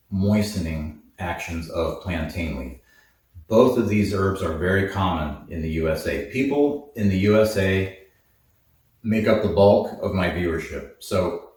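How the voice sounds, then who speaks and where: A man hosting an instructional talk on herbal remedies, speaking slowly and deliberately. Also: sits low, darkish tone. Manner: slow, deliberate, explanatory. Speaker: herbalist host. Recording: very echoey, from far off the mic.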